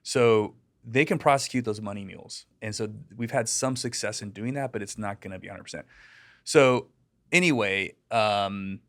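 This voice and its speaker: A man's voice: on the low side, moderate pace. A middle-aged American man, a deputy and digital safety educator, telling stories casually in an interview, full of fillers and acting out the people he quotes. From United States. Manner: animated, lots of fillers, acts out quoted people.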